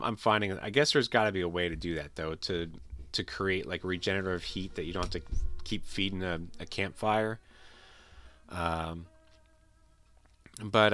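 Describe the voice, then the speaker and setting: As he ends a game stream, a livestreamer with a nasal, sickly voice chats loosely with his audience, repeating words and starting sentences again as he rambles. His voice is low-pitched, pushed and bright, with no echo.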